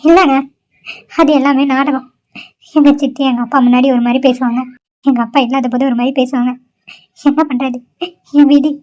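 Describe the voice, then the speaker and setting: A sad, despairing young woman in a homemade cartoon, voiced by a woman. Her voice is high and she speaks sorrowfully. The recording sounds dull and lo-fi. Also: fairly even intonation, moderate pace, long pauses, darkish tone, close to an everyday voice. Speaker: cartoon character.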